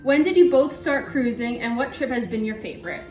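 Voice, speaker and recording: A woman's voice: fairly high pitch, animated, fairly quick, darkish tone, roomy sound, faint music behind. A woman hosting a casual chat at home, cheerfully answering viewer questions and often giggling between remarks. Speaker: host. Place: room at home.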